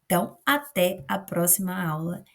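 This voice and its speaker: A woman's voice: lowish voice, animated, moderate pace, gravelly, fairly bright tone. A woman with a Brazilian Portuguese accent, teaching a remote lesson as a teacher, explaining patiently step by step and often checking in with short tag questions.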